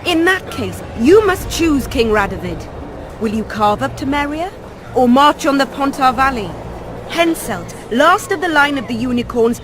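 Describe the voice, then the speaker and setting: Proud Queen Saskia, fairly high voice. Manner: formal, firm. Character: proud, defiant young rebel queen. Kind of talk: video game dramatic dialogue.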